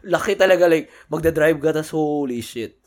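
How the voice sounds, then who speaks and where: A man's voice: a little high, moderate pace, a little mellow. A man chatting as a podcast co-host, curious and full of questions, laughing easily. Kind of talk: casual chat.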